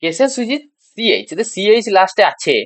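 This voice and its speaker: Patient teacher spelling letters aloud. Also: male voice, high-pitched, big pitch swings, moderate pace, dry recording. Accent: Bengali. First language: Bengali. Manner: asks rhetorical questions and answers them, repeats spelled letters. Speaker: English teacher. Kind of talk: classroom grammar lesson.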